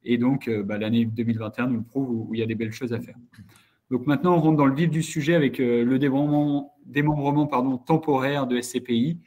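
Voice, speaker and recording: A man's voice: medium pitch, steady tone, fast talker, darkish tone, slightly rough, highs cut off. A man hosting a webinar who speaks hesitantly and repeats words as he starts his sentences. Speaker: host and company co-founder.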